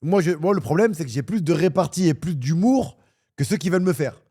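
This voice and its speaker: Male streamer, casual rambling chat, crude and jokey, warm mellow tone. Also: fairly high pitch, a little fast, breathy edge. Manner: rambling, crude swearing, animated and joking. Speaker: streamer and football pundit.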